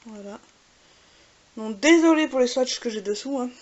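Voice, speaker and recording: A woman's voice: a little high, expressive, normal speed, lo-fi sound. A woman with a French accent, chatting casually with many fillers while showing makeup swatches. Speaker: beauty vlogger. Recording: faint hiss.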